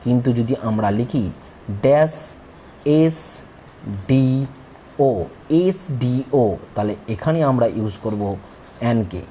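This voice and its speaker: A man's voice: medium pitch, slow pace, long pauses, warm tone, slight background noise. A man teaching a grammar lesson, spelling out words letter by letter and explaining patiently. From India.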